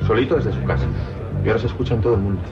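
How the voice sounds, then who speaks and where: A man's voice: lowish voice, very fast, natural voice. Actor as an eager young man, TV clip. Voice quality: enthusiastic, persuasive. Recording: distant lo-fi TV clip with loud music.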